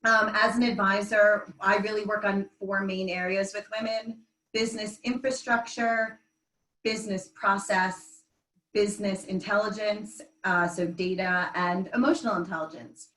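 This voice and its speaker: A woman in her forties introducing herself on a panel in an orderly, listing way, with frequent pauses and fillers. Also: medium pitch, steady tone, fairly bright tone. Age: 40s. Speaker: panelist, consultant. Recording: roomy, distant laptop mic.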